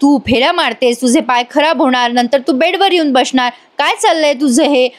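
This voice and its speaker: A woman voicing an irritable young man, a strict company boss, who scolds and argues in a high voice. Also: brisk, close to an everyday voice. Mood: angry scolding. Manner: scolding, argumentative.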